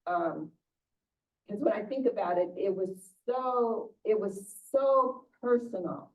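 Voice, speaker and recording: A woman's voice: medium pitch, animated, slow pace. An older woman pastor giving an informal, conversational sermon, often restarting and repeating words. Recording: distant muffled church recording.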